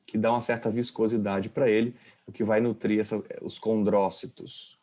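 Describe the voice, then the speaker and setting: A man's voice: on the low side, little pitch movement, normal speed, darkish tone. A male professor giving an informal anatomy lecture, quizzing his students with questions as he explains. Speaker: kinesiology professor.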